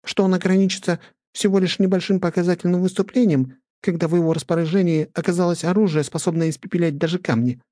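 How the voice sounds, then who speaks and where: A mocking young girl from a storybook reading, a man doing her in a high, lifted voice that cuts with every word. The tone stays mellow and dark despite the height, in a dry, close recording. He keeps her scornful and pointed. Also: fairly even intonation, fast, hardly any pauses, dry recording, natural voice. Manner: mocking, cutting. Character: sharp-tongued red-haired young girl.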